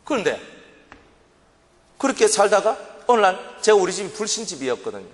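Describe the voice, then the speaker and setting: A man preaching with a Gyeongsang accent, his high voice swooping widely as he tells his testimony with great drama. He acts out his own past pleas. The voice rings with the long reverb of a church hall. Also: sing-song, fairly quick. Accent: Gyeongsang Korean. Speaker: pastor. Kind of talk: sermon with vivid personal testimony. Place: church sanctuary.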